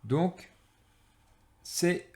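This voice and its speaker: This warm-toned man, from France, leads an energy-healing exercise while sketching, his speech broken by frequent pauses and fillers. Fatigue and irritation show in how he talks.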